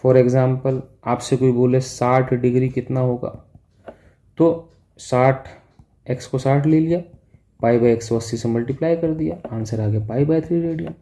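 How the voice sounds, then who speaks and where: Male physics teacher, very dark mellow tone, walks students through each step and checks in with them. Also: medium pitch, fairly even intonation, a little slow. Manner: explains step by step, repeating "ठीक है" to check in; speaks directly to students as "बच्चों" and "भाई". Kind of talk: classroom lecture.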